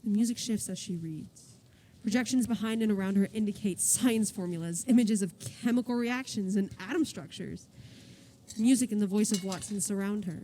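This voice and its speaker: A woman's voice: medium pitch, normal speed, warm tone, a little hiss or hum, low-quality recording. A woman reading stage directions aloud as narrator of a musical, in a plain, matter-of-fact way with dry little asides.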